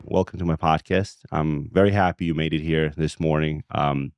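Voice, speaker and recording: Low-voiced hesitant podcast host. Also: male voice, fairly even intonation, moderate pace, soft background music. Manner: hesitant, many fillers. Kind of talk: casual interview.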